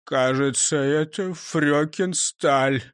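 A man's voice: high voice, animated, moderate pace, no room sound, studio quality, voice pushed up. A man voicing a simple-minded, food-loving male robber who talks in an eager, childlike way.

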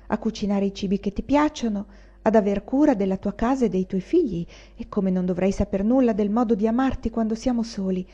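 A woman reading aloud, voicing a young bride who speaks in a calm, practical and gentle way. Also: a little high, lo-fi sound, natural voice.

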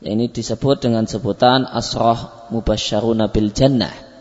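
A male religious teacher lectures, pausing on fillers and correcting himself as he explains. His mid-range voice carries a long reverb from a large hall. The recording is muffled and lo-fi. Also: medium pitch, fairly even intonation, a little mellow. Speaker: Islamic teacher.

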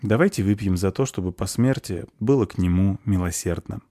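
A man's voice: sits low, fairly quick, mellow, no echo. A man voicing a stout dwarf woman who speaks bluntly and grimly in an audiobook. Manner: blunt, dry, grim.

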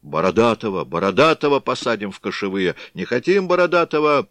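A man shouting as a rowdy drunken Cossack mob. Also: lowish voice, sing-song, a little fast, no room sound. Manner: shouting, brawling insults.

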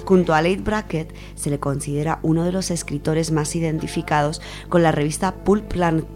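Over music, a low-voiced Spanish woman speaks at normal speed with a steady tone. On the radio, she presents an informal, semi-prepared account in an explanatory style, rephrasing her points as she continues.

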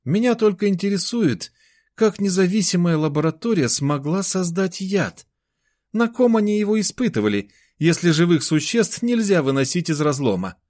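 A man's voice: high-pitched, expressive, a little mellow, pitched above the performer's own voice. Man doing a pensive older mentor. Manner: pensive, measured. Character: thoughtful older academy mentor.

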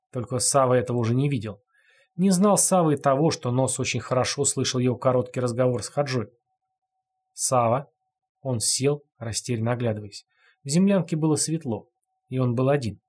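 Husky male audiobook narrator. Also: mid-range voice, a little mellow.

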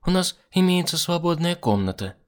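A man's voice: high-pitched, very animated, normal speed, pitched above the performer's own voice. A man doing a snappish scheming young woman. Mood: sharp, coaxing. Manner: sharp, snappish, falsely sweet.

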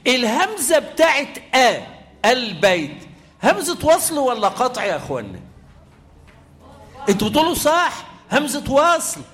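Egyptian male Quran teacher with a high voice, middle-aged, brisk classroom quizzing mixed with slow chanted verses. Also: sing-song, a bit bright. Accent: Egyptian Arabic. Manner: quizzing students, chanting Quran examples slowly. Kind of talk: lively tajweed lesson with students.

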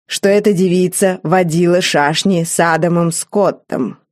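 A woman voicing a cocky young male knight ghost who speaks slowly and mockingly. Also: lowish voice, fairly even intonation, a little mellow, no room sound, studio quality, close to an everyday voice.

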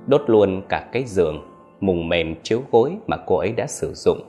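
A man narrating a horror story in an expressive storytelling manner, with soft music underneath. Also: deep voice.

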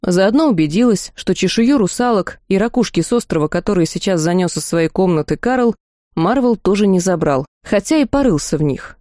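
Mellow-voiced woman reading a fantasy novel. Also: mid-range voice, animated, brisk, no room sound, clean studio sound. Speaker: audiobook narrator. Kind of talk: first-person fantasy narration.

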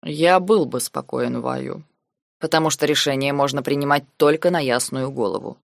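A woman reading the lines of a cold, calculating noble uncle in an audiobook, measured and sarcastic. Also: rumbling low, vocal fry, dry recording, clean studio sound. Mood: cold, lecturing. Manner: measured, lazy, coldly sarcastic.

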